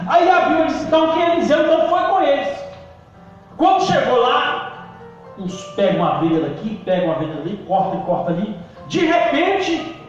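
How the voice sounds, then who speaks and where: A male pastor preaching a sermon, calling out to the congregation and swinging between loud emphasis and quiet low lines. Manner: preaching with call-and-response, emphatic swings in pitch and volume. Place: church hall. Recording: distant echoey church hall recording, dull.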